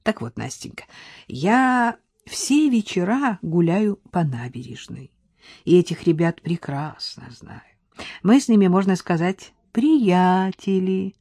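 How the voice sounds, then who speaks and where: Audiobook: woman doing a soft-spoken frail old man, mild and dry-miked. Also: fairly low pitch, very animated, slow pace, no room sound, exaggerated voice. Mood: gentle. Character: frail kindly old man, gentle and unhurried.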